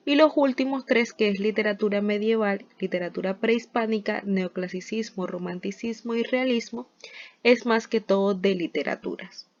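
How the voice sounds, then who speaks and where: Woman, teacher, scripted spelling lesson, patient step-by-step examples, middle pitch, dull lo-fi sound. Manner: often starts sentences with "entonces". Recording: dull lo-fi recording.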